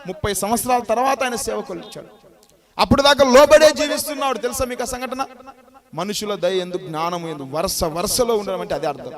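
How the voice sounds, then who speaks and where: A man with a Telugu accent preaching a sermon to youth, firing rhetorical questions and swinging from loud urging to hushed warnings. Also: sits high, brisk.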